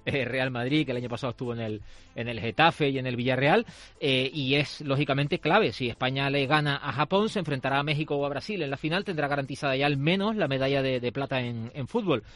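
A man giving a radio sports report in a brisk, informative way. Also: medium pitch, a bit bright, dry recording. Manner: brisk, informative delivery with fillers.

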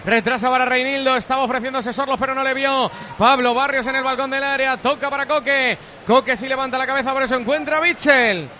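A man with a Spanish accent from Spain commentates football live on radio as play-by-play man, excitable, repeating phrases and stretching out his shouts. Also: very high voice, fast. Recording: loud stadium crowd noise behind.

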